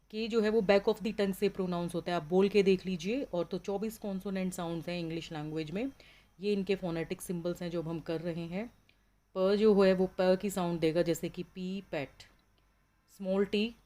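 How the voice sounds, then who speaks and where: A woman teaching a lesson on phonetic sounds, slowly listing example words. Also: lowish voice, darkish tone. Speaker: English teacher.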